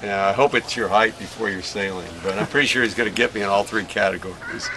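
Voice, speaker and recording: A middle-aged man tells stories in a relaxed, rambling way, full of fillers. His voice sits on the low side. He is recorded outdoors with clear noise in the background. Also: fast. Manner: chatty storytelling with many fillers. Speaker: sailor and father of a young racer. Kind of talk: casual outdoor interview.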